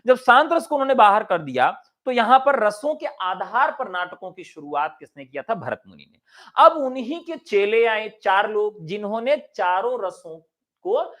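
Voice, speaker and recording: A man teaching an exam-prep class, chatty and animated, who asks questions and answers them himself. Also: high voice, normal speed. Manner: chatty, jokes and sings a line of a folk song.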